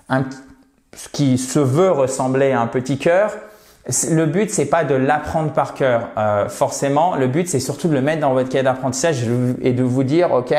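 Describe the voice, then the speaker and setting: A man teaching an English lesson in French, patiently repeating English words slowly to drill their pronunciation. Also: mid-range voice, darkish tone, reverberant. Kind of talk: video lesson at a whiteboard.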